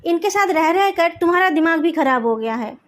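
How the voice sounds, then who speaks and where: A woman's voice: very high-pitched, expressive, fairly quick. A woman voicing an angry, controlling middle-aged mother who scolds her daughter, in a fan story read aloud. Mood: angry scolding. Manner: scolding, raised voice.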